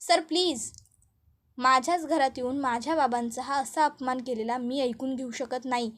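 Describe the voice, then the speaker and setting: Woman narrator voices a hurt young woman, firm and restrained; high pitch. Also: steady tone, moderate pace, a bit bright.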